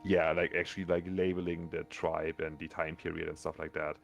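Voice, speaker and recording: A man with a low, gravelly, sonorous voice running a tabletop game as game master, rambling with many fillers. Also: little pitch movement, a little fast, soft background music.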